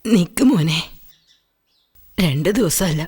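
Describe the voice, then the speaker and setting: A woman's voice: sits low, takes it slowly. An actress dubbing a loving elderly grandmother who heads the family, speaking tenderly and pleadingly. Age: older. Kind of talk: Malayalam film dub. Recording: film soundtrack with loud music.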